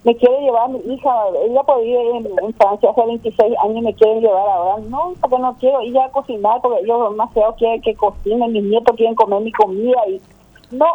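Older woman, rambling interview guest, husky and a bit high, over a tinny phone line. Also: fairly even intonation, brisk. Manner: rambling, repeats herself, many fillers. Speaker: gastronomy researcher and teacher, interview guest. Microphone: telephone.

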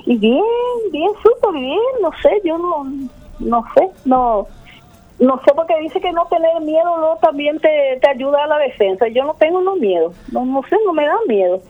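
An older woman, a gastronomy researcher and teacher, rambles and repeats herself in a casual phone interview. Her voice is high and animated at a moderate pace, heard over a tinny telephone line.

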